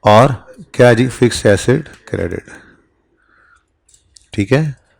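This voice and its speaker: A man's voice: medium pitch, expressive, slow, gravelly. A man giving a classroom accounting lecture, talking conversationally and often checking in with his students. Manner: conversational, keeps checking in with "ठीक है?". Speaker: accounting teacher.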